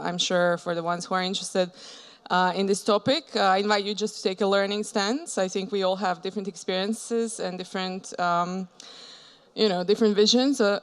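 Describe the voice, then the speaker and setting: A woman's voice: mid-range voice, clear, resonant tone. A woman opening an informal conference panel as moderator, hesitant, with many fillers and restarts. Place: conference session room.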